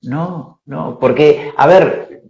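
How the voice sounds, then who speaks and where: A man's voice: a little high, drawn-out words, creaky, darkish tone. Man, host, reflective talk, question tags, echoey, dull recording. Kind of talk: casual spiritual conversation. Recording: dull echoey room sound.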